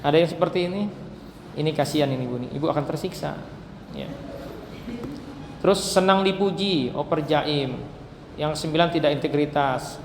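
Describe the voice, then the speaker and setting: A man's voice: on the high side, moderate pace, long pauses, background noise. A man preaching a sermon, talking straight to the women listening and acting out the dialogue in his stories. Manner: chatty, addresses the women directly, acts out dialogue. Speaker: Islamic preacher. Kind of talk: casual sermon with acted-out stories. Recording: echoey hall with faint ambience.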